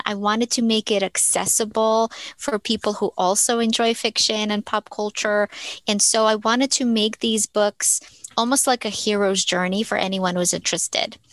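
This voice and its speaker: A woman from Ukraine, a therapist and author, answering interview questions in an earnest, reflective way with thoughtful pauses. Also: mid-range voice, fairly bright tone, no room sound.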